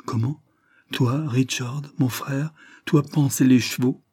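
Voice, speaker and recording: A man's voice: mid-range voice, fairly even intonation, takes it slowly, a little mellow, breathy edge, dry recording, studio quality, pitched above the performer's own voice. A man reading aloud voices a young woman who is anxious and pleading, her voice trembling. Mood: incredulous.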